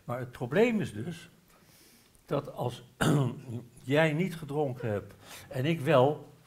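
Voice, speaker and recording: Animated older Dutch man telling a tale. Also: mid-range voice, slow pace. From Netherlands. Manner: animated storyteller, gesturing broadly, many restarts and hesitations. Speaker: guest author. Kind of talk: live literary café talk. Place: bookshop stage before a live audience. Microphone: headset mic.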